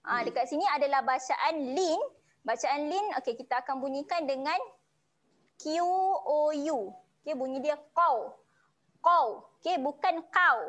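A woman with a Malaysian Malay accent teaching Quran recitation online, explaining each sound patiently and slowly chanting the verses. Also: sits high, fairly bright tone. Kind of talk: online tajwid lesson.

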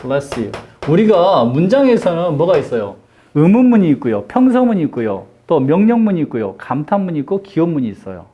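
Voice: mid-range voice, a little fast, highs cut off. A Korean English teacher giving a classroom lecture, joking and drilling phrases for students to repeat. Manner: animated, jokey, drills repeat-after-me phrases.

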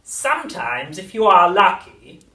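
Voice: mid-range voice, sing-song, voice pushed up. Gloating witchlike old grandmother. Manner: slow, loud, drawn-out gloating delivery. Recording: roomy, distant from the mic.

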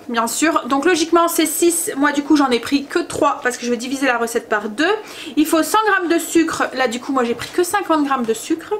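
Woman, mother vlogging from her kitchen: high voice, chatty and meandering, lots of hesitations. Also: a bit bright, a little hiss or hum. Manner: rambling, chatty, full of hesitations. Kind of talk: casual chat to camera.

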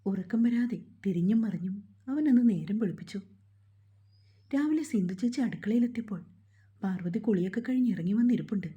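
A woman narrating a romance novel as a storyteller in a calm, even delivery. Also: medium pitch, fairly quick, dull audio.

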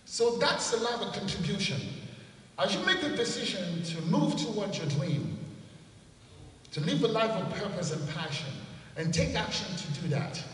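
A man in his forties from Cameroon with a Cameroonian accent, giving an earnest, measured inspirational talk into a handheld mic at an event. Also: high voice, fairly bright tone, distant mic, a little hiss or hum. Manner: earnest, measured, repeats for emphasis. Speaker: motivational speaker. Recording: echoey hall, heard from afar.

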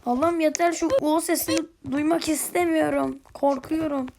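Young woman gamer with a high voice, chatty, keeps muttering and whispering to herself, faint hiss in the background. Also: fairly even intonation, moderate pace, creaky, darkish tone. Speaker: gaming channel host. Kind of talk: casual gameplay commentary.

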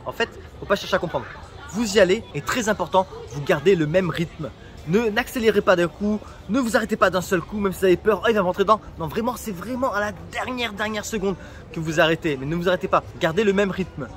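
A man's voice: high-pitched, a little fast, a bit bright. A man from France giving travel tips in a casual vlog, chatty and joking, speaking straight to viewers outdoors. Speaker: travel vlogger.

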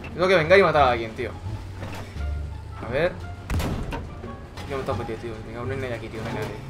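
A young man giving excitable, swearing live commentary over his own gameplay, yelling when he scores. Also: medium pitch, fast talker. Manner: excitable, swearing, shouting at kills. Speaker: gaming YouTuber. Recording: music in background.

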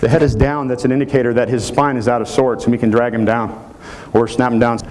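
In a hotel meeting room, a thirty-something man demonstrates football techniques live and explains every move as he goes. He's a fast talker with a mid-range, darkish voice that barely moves in pitch.

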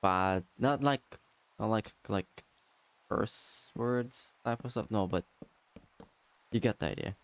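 A man chatting casually and playfully as he livestreams a game, rambling in halting bits and repeating his phrases. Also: fairly low pitch. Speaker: livestreamer, VTuber. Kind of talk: casual livestream chat while playing a block-building game.

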